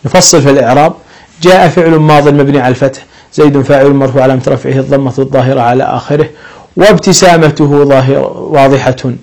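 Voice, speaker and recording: Man, grammar teacher, methodical classroom explanation, mid-pitched voice, stresses example sentences. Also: a little mellow, poor audio. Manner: patient, explains step by step, rises on example sentences.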